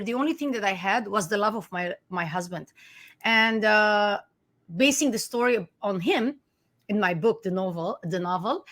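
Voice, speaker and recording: A woman author and life coach, originally an Armenian speaker, gives an earnest, emphatic interview in a conversational style, frequently restarting her sentences. Her voice sits at medium pitch with a fairly bright tone.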